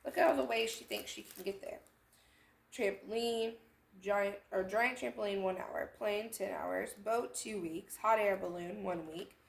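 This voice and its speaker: A woman hosts a children's storytime, reading a picture book aloud with animated expression, acting out lines and adding small asides that point out details. Her medium-pitched voice is unhurried and gravelly, and the room sounds echoey.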